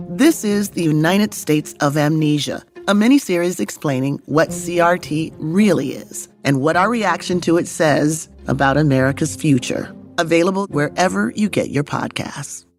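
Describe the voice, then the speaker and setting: A woman host reading a scripted ad for her podcast in a crisp, announcing way. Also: low-pitched, normal speed, few pauses, faint music behind.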